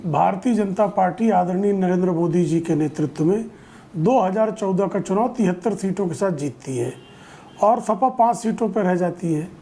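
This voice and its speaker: A woman's voice: lowish voice, moderate pace, dark tone. A woman speaking as a party spokesperson on a TV debate, formal and listing points with repeated phrases. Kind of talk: political debate argument.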